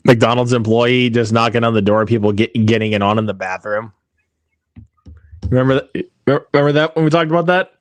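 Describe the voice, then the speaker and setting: A young man talks loosely with his friends over a movie, laughing easily and often losing the thread of a sentence before starting it again. His voice sits at an ordinary pitch, and the sound is dry and close, with no room around it. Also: brisk, no echo. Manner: laughs often, trails off and restarts mid-sentence. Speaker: co-host of a watch-along. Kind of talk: casual chat among friends.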